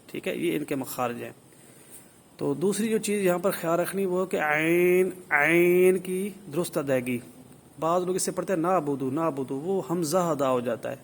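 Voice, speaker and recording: A man teaching the rules of Quran recitation, explaining slowly and modelling drawn-out sample recitations. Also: fairly high pitch, creaky. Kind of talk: tajweed lesson.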